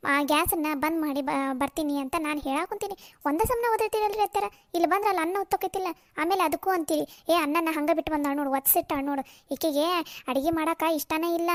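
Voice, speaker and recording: A woman's voice: high voice, no room sound, lightly acted. A woman voicing a defiant young daughter-in-law in a cartoon, arguing back in a North Karnataka Kannada accent. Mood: indignant. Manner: indignant, argumentative. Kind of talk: cartoon voice acting.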